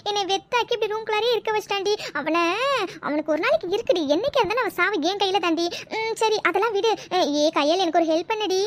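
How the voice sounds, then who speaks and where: A woman's voice: extremely high pitch, fast talker. Woman doing a fed-up cartoon college girl. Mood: grumbling. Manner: complaining, chatty. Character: young female college student, scheming and fed up. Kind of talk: cartoon dialogue.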